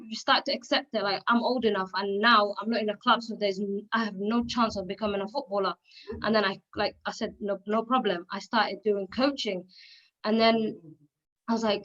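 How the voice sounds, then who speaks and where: A woman's voice: on the high side, fairly bright tone. A young woman from Somalia, a football referee, telling her story in a chatty, casual way on a video call, acting out the dialogue she quotes and filling her speech with "like". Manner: chatty, acts out quoted dialogue, many "like" fillers. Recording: slightly dull lo-fi call audio.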